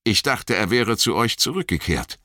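A man's voice: on the low side, lively intonation, pushed and bright, no echo, clean studio sound, voice pushed up. A man doing Boromir, a troubled evasive warrior. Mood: agitated. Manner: hesitant, guilty, slow.

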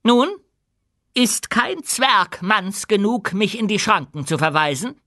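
A man voicing a commanding dwarf queen in an audiobook, speaking with loud, proud oratory. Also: high voice, animated, takes it slowly, no room sound, studio quality, voice pushed up, exaggerated voice. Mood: challenging. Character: commanding dwarf queen addressing her people. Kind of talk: audiobook character voice.

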